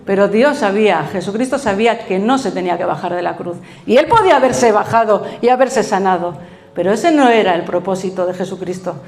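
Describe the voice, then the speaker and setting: A middle-aged woman pastor with a Spain Spanish accent, preaching a sermon in an animated storytelling way, acting out quotes and laughing as she goes. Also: fairly high pitch, echoey room.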